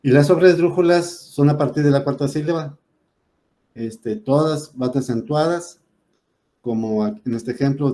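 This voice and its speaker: A man's voice: medium pitch, warm tone. A man teaching a spoken lesson on rules, explaining step by step with frequent fillers and self-corrections.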